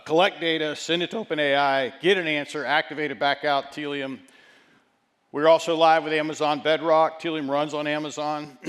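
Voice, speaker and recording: Male executive delivering a keynote, deliberate and emphatic. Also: on the high side, fairly bright tone. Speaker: company chief executive giving a keynote. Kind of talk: keynote presentation.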